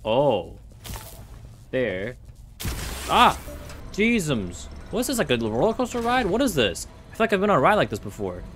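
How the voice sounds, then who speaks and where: Music plays behind a young male gaming host who casually commentates a horror game, reading signs aloud and chatting, then erupting in startled exclamations. His voice is on the high side, with huge pitch swings at a normal speed.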